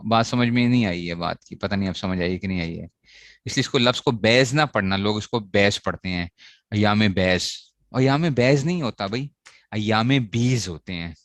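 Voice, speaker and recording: Lecturing male teacher, low dry voice. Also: animated, brisk, no echo. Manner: asks questions and answers them himself, repeating key points. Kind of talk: classroom lecture on Arabic grammar.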